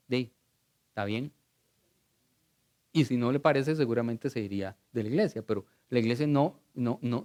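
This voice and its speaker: Preaching man, fairly high voice. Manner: conversational storytelling, swings from loud to hushed. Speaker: pastor. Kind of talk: sermon. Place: church.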